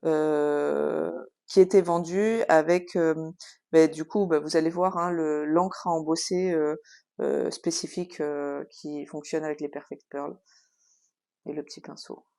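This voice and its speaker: A woman's voice: sits low, fairly even intonation, measured pace, vocal fry, mellow. A woman hosting a casual craft tutorial, explaining at an easy pace with frequent hesitations and filler sounds. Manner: chatty, explanatory.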